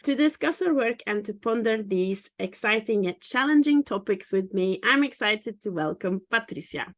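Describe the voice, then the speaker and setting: Woman host reading a careful intro, then asking questions, calm and even. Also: medium pitch. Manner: measured, formal read-out delivery. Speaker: interview host.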